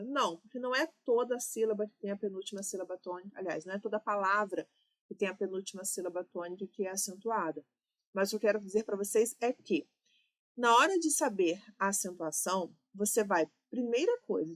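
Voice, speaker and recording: A woman with a Brazilian Portuguese accent, teaching an exam-prep grammar lesson, explaining step by step and checking in with "ok?" and "né?". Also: medium pitch.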